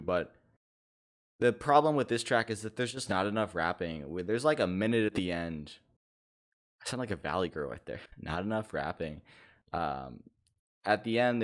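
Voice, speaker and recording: A young man with a very low, deep voice talks through an album track by track in a relaxed, unscripted podcast review. He rambles a little and often stops to correct himself. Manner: laid-back, rambling, with frequent fillers and self-corrections.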